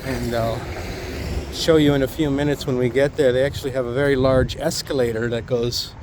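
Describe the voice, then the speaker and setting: A man's voice: medium pitch, steady tone, a little fast. A man giving a casual, easygoing walking-tour commentary, recorded outdoors as he walks. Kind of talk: casual walking vlog narration. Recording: clear outdoor traffic and ambient noise.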